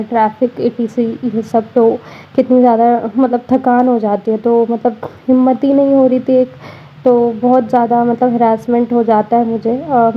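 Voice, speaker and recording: A woman's voice: on the high side, breathy edge, muffled recording. A tired young woman with a slight cold, narrating her daily vlog in a chatty voice-over full of fillers. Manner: chatty, frequent fillers like 'matlab'. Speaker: vlogger. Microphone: voice-over recorded separately.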